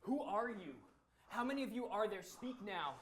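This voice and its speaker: A woman playing a starving, paranoid soldier holding out alone, theatrical and halting in a dramatic performance. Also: mid-range voice, animated, slight background noise, close to an everyday voice. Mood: menacing, commanding. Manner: anguished, halting, commanding, theatrical. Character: starving, paranoid holdout soldier alone on an island, suffering and menacing. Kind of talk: dramatic acting.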